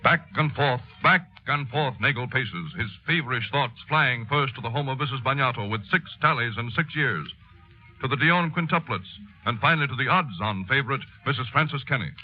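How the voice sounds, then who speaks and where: A man with a medium-pitched voice and lively intonation, close to how he normally talks, plays a grave newsreel narrator in a 1930s radio news dramatization. He declaims portentously, leaning on words with solemn weight and drawn-out emphasis, in a grave, dramatic mood. The recording sounds like a muffled old 1930s radio broadcast with music.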